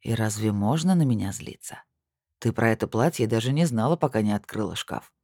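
Narrator putting on a smug teasing young guy, low and quiet, warm mellow voice. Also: animated, fairly quick, no room sound, studio quality. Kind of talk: audiobook dialogue.

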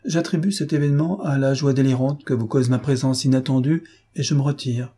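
A man's voice: medium pitch, steady tone, a little fast, dark tone, breathy edge, pitched above the performer's own voice, close to an everyday voice. A man voicing a witty, ill-mannered young woman who teases in a mock-formal, ironic way, in an audiobook. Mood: teasing. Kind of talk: audiobook character voice.

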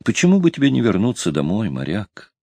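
A man's voice: lowish voice, huge pitch swings, a little slow, gravelly, a little mellow, no room sound, heavily acted. A man reading an audiobook, voicing a coy, stubborn young woman. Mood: gentle. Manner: hesitant, teasing.

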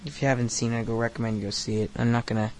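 Racing through his words, a thirteen-year-old podcast host rants crudely on his own, loaded with fillers and swearing, as his voice recovers from hoarseness. The medium-pitched voice has a darkish tone and little pitch movement, over a little hiss or hum.

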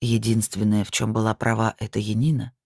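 A narrator voicing a calm, stern male medium who speaks slowly and gravely. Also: fairly low pitch, no room sound, studio quality, pitched below the performer's own voice.

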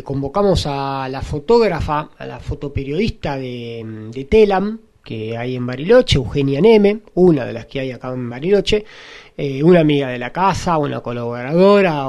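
A man's voice: on the high side, animated, moderate pace, darkish tone. A man who coordinates a radio workshop, introducing a recorded interview in a rambling, hesitant way.

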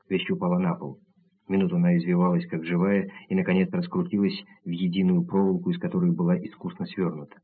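A man narrating an audiobook in the first person, measured and even, on tinny narrow-band audio. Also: sits low, slightly rough.

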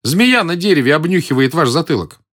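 A man voicing a calm, teasing young African woman in an audiobook reading, with a cool, unbothered manner. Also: fairly high pitch, fairly quick, pitched above the performer's own voice. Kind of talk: audiobook character voice.

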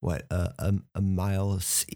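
Speaking slowly in a low, flat, warm voice, this man from the United States walks a learner through vocabulary taken from a TV clip. He takes each word apart with patience and spells it out.

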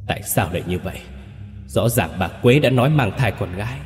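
Man voicing a shrill scolding old matriarch. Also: expressive, a little fast, a little mellow, in a large hall, soft background music, close to an everyday voice. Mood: disbelieving. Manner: shrill, berating.

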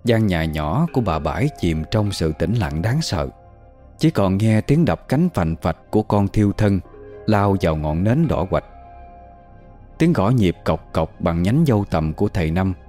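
A man giving scripted horror narration in a dramatic, expressive way. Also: low voice.

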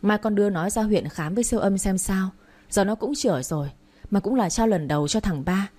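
A woman reading the part of a shrewd, protective elder sister-in-law who speaks in a brisk, bossy way. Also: mid-range voice, dark tone, close to an everyday voice. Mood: urgent.

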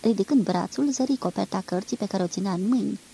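A woman reading a literary novel aloud in a measured, expressive storytelling manner. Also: medium pitch, vocal fry, slight background noise, rough recording. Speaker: reader.

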